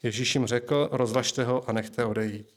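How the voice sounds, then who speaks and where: A man preaching a sermon, reading scripture aloud in a measured, slow way and then sharing an earnest personal testimony. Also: medium pitch, fairly even intonation, slight background noise.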